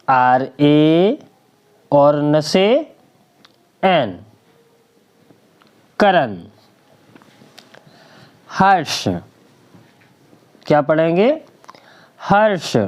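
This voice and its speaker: A woman's voice: on the low side, darkish tone. A woman teaching a spelling lesson, patient and drawn out, spelling letters one by one and answering her own questions. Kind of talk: slow classroom lesson.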